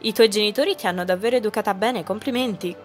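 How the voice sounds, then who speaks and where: A woman's voice: mid-range voice, quick pace, faint music behind, close to an everyday voice. A woman voicing a cheeky teenage boy in a fan dub of a dating game, with a sarcastic, mock-formal way of talking.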